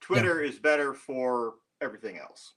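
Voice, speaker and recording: A laid-back man chatting as a podcast guest, his voice bright and forward. He talks easily about music and laughs often, tossing in short agreeing replies between longer thoughts. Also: medium pitch, lively intonation, normal speed. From Florida, USA. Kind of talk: casual podcast chat.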